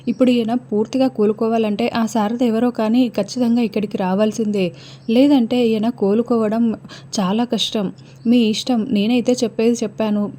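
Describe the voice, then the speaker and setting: A woman's voice: on the high side, fairly even intonation, a little fast, mellow, close to an everyday voice. A woman reading the lines of a firm male doctor who insists on his instructions.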